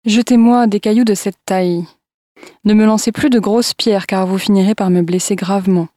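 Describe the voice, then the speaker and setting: A woman's voice: medium pitch, steady tone, moderate pace, dark tone, no echo, studio quality, lightly acted. A woman voicing a poor, tormented man who pleads earnestly with his tormentors. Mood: pleading.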